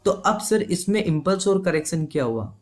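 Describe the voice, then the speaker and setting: हिंदी में समझाता ऊँची आवाज़ वाला आदमी. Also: male voice, high voice, animated, moderate pace, darkish tone. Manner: explains step by step, keeps asking "ठीक है?". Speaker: trading teacher. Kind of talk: live online class.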